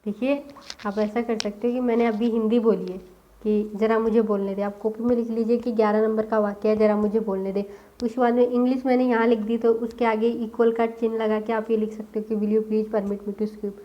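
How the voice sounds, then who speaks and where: A woman teaching a spoken English lesson. She asks the class questions and repeats each English sentence slowly, word by word. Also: a little high, level tone, highs cut off.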